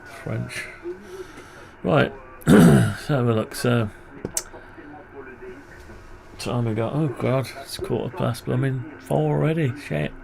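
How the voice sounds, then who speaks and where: A man's voice: mid-range voice, unhurried, gravelly, hardly any pauses, a crowd in the background. A man presenting a programming tutorial, thinking aloud as he works and grumbling wryly to himself. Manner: muttering, wry grumbling asides. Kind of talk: thinking aloud while working on screen.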